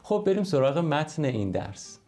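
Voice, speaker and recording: A man's voice: a little high, big pitch swings, warm tone, soft background music. A man from Iran teaching an English lesson, explaining in a friendly, conversational way with examples.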